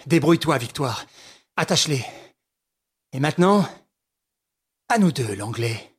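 A man voicing a daring gentleman thief who gives cold, clipped commands with terrifying calm. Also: mid-range voice, unhurried, slightly rough. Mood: commanding.

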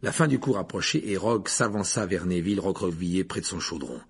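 A man narrating a storybook in an expressive, measured reading voice. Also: deep voice, husky. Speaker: audiobook narrator.

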